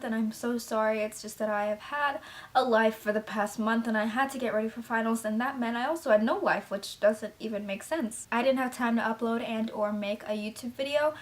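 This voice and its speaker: A woman chatting in a rambling vlog, full of fillers and self-corrections as she recaps a movie. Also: a little high. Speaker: vlogger. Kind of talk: casual movie commentary vlog.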